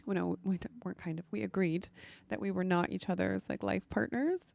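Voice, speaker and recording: A young woman recounts her evening in a relaxed, rambling vlog style, leaning on "like" as she talks. Her voice is mellow with a gravelly fry. It is recorded close and dry. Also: medium pitch, fairly quick, no room sound. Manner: chatty, lots of "like" fillers. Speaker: vlogger. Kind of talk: casual storytelling.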